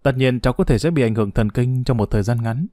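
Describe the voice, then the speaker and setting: Male reader doing a calm doctor; plain, reassuring, mellow. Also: medium pitch, quick pace, no echo, clean studio sound, lightly acted.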